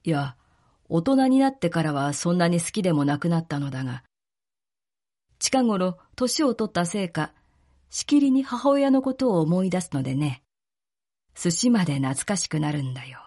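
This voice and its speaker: A woman voicing an aging, gentle male teacher who speaks quietly and wistfully. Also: fairly low pitch, big pitch swings, moderate pace, voice pushed down.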